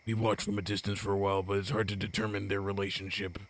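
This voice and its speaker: A man's voice: on the low side, little pitch movement, quick pace. A man hosting a gaming video, reading visual novel narration aloud with casual asides.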